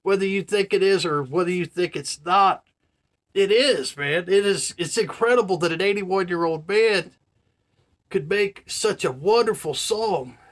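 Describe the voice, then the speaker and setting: A man's voice: high-pitched, a little slow. A man in his forties rambles through a casual video monologue in a slightly raised voice. He leans on fillers like "you know" and "man" and stresses his points with earnest wonder. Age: 40s. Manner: chatty, filler-heavy, says "man" and "you know" a lot; earnest, marvelling emphasis. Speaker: vlogger.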